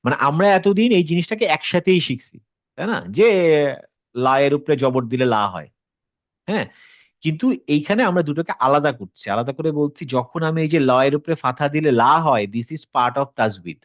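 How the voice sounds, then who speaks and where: A man leads an online class with a slightly raised pitch and a patient, explaining manner. He checks often that his students understand. The sound is dry and dull, as on a lo-fi video call. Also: expressive, brisk, no room sound. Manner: explains patiently, mixes in English words, asks students questions. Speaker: Quran tajweed teacher.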